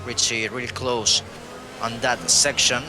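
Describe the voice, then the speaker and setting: A man co-commentating a sim racing league race, measured and analytical. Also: medium pitch, level tone, over music.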